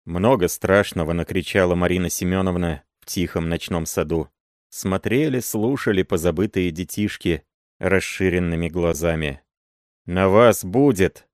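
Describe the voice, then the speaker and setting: Low-voiced male audiobook narrator. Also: normal speed, dry recording, clean studio sound.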